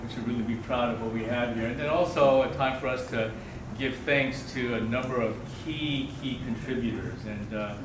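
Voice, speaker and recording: Echoey male speaker addressing an audience, haltingly. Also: medium pitch, fairly even intonation. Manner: halting, addressing a gathered crowd. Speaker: medical center partner giving opening speech. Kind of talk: public welcome speech in front of an audience. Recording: echoey, noisy venue, distant microphone.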